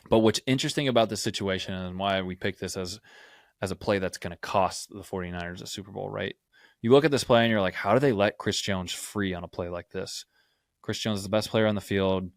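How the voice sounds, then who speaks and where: Lower-pitched man breaking down game film. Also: steady tone, a little fast, no echo, clean studio sound. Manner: explanatory, leans on "right?". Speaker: football podcast co-host.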